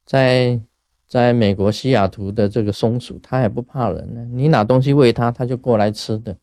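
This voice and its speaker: A man from Taiwan, giving a casual Buddhist talk in a lively storytelling way and chuckling at his own jokes. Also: mid-range voice, normal speed, dry recording, clean studio sound. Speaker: Buddhist teacher.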